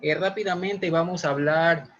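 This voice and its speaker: A young man with a Guayaquil accent gives a live online lesson from a small room. His voice sits fairly high, and he explains step by step with frequent "eh" fillers. The audio comes through a laptop on a video call and sounds dull and muffled. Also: steady tone, moderate pace, a little hiss or hum. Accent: Ecuadorian Spanish, Guayaquil. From Ecuador. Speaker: automation instructor. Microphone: webcam or laptop mic on video call.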